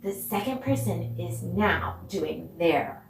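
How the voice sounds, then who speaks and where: A gravelly, fairly low-pitched woman's voice with lively intonation moves at a slow pace while teaching kids a dance lesson on video. She encourages the pupils, asks them questions, and gives praise, and the audio carries room echo, background noise, and the distance of a far-off mic.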